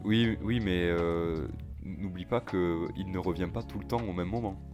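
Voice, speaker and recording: A man co-hosting a podcast, chatting casually about manga in a hesitant, halting way. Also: low-pitched. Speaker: podcast co-host. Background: music behind the talk.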